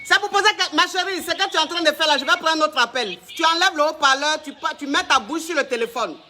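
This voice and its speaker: Flamboyant high-voiced male live-stream coach. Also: pushed and bright, slight background noise. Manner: flamboyant, theatrical and teasing, slow grandiose English boasts. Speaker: live call-in coach host. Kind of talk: live-stream call-in advice.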